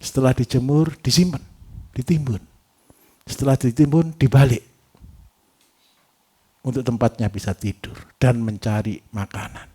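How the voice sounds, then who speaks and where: A man giving a livestock farming workshop, lively and teasing, who keeps asking his audience rhetorical questions. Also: mid-range voice, a little slow, pauses often, slightly rough. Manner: animated, repetitive, teasing.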